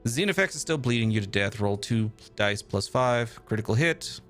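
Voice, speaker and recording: A male streamer reading a video game's text aloud with a steady storytelling delivery. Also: mid-range voice, normal speed, faint music behind.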